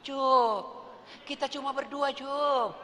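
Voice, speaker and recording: Brief: male preacher putting on a high, wheedling temptress, seductive and scheming, echoey hall. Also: fairly even intonation, takes it slowly, bright, forceful tone, exaggerated voice. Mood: coaxing. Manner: coaxing, wheedling calls. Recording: echoey hall, faint noise.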